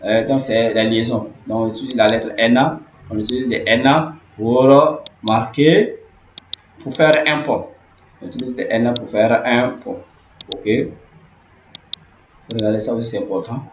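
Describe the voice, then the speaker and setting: A man's voice: mid-range voice, fairly even intonation. A man gives a grammar lesson, saying each example word several times before explaining it. The recording is roomy and a little dull, with a faint hiss underneath. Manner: repetitive, explanatory, slowly repeats key words. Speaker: language teacher.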